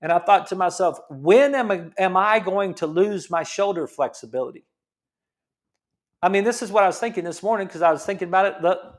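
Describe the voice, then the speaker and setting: Brief: chiropractor man, 50s, fairly high voice, talks it through with rhetorical questions. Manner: explains, repeats himself, asks rhetorical questions. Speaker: chiropractor host. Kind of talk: casual health talk.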